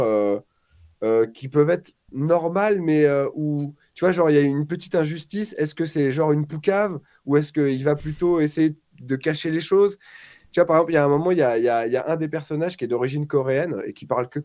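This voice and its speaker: A man in his forties, appearing as a guest on a casual podcast chat, tells stories with energy and acts out quotes. He talks fairly quickly in a voice on the high side.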